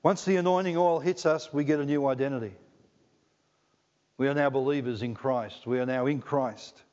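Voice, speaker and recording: Speaking at a moderate pace in a slightly mellow mid-range voice, this middle-aged Australian preacher keeps his sermon conversational and full of jokes. He frequently quizzes the congregation, and the lo-fi recording sounds dull, with hall reverb.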